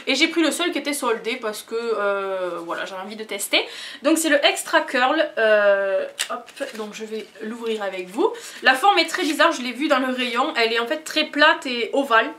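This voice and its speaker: A woman's voice: fairly high pitch, animated, normal speed, bright, forceful tone, slight background noise. A young woman chatting enthusiastically in a casual haul vlog, gushing as she shows what she bought. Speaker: beauty vlogger.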